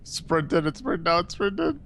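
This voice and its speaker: A man's voice: fairly high pitch, lively intonation, a little slow, fairly bright tone. A young man in casual gaming banter as co-commentator, slangy, profane and teasing, with game ambience behind him. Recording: background noise under voice.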